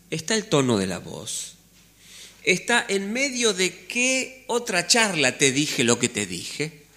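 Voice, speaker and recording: Rioplatense male pastor, sermon, slow unhurried delivery, bright ringing voice, church. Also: a little high. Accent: Rioplatense Spanish. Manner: conversational preaching with frequent "¿eh?" checks, sudden drops to near-whisper.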